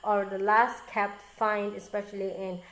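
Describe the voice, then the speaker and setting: A woman student reading a recorded class presentation aloud, careful and halting, often restarting on difficult words. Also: mid-range voice, flat delivery, fairly bright tone, echoey room, a little hiss or hum, low-quality recording.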